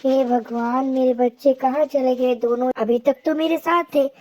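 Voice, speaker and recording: A woman's voice: high voice, fairly even intonation, a little slow, a little mellow. A woman voicing a worried, tearful mother sparrow in a cartoon story, talking in an anxious, pleading way.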